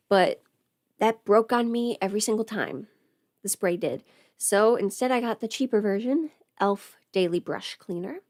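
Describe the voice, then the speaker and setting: A woman livestream host and audio creator chats casually, rambling and thinking aloud as she goes. Her voice is medium-pitched and a little mellow, with no room sound.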